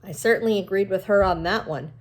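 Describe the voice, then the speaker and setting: A woman reads a novel aloud the way a teacher would, telling the story expressively and pausing for explanatory asides. Her pitch is medium and her pace a little fast.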